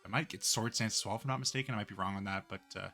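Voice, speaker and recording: Brief: young male host, low-pitched but bright tone, chatty and analytical, faint music behind. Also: racing. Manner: upbeat, analytical, with many fillers. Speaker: league coach and draft host. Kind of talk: casual stream chat.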